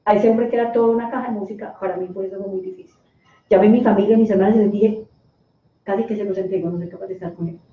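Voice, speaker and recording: A middle-aged woman giving an emotional personal account as a guest, halting with restarts and fillers. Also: mid-range voice, fairly even intonation. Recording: echoey, distant, phone-like sound.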